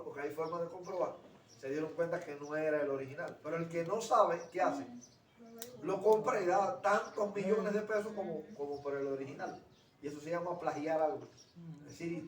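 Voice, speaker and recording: A man explaining ideas in a relaxed church discussion, playing out little dialogues and personal anecdotes. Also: on the high side. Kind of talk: conversational teaching. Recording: roomy, distant from the mic.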